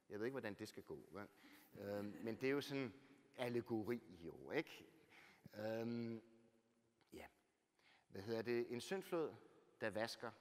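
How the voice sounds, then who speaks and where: A man, an author, telling a personal story to an audience. He speaks animatedly, moves from loud bursts down to near-whispers, and keeps tagging "right?" onto his sentences. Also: medium pitch. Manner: rhetorical, keeps adding "right?". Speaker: author giving a talk. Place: church. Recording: long church reverb.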